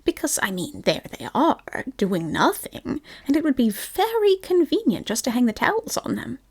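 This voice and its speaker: A fussy, self-important storybook rabbit, whispered by a woman, brisk and prim. The whispered role-play is airy and breathy, with a sing-song lift. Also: sits high, sing-song, darkish tone, exaggerated voice. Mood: cheerful.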